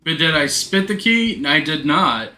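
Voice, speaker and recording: A man's voice: fairly high pitch, expressive, measured pace, bright, forceful tone. A man giving a commentary on his game playthrough and reading its dialogue aloud, in a roomy-sounding recording. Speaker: let's player. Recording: roomy echo, faint music behind.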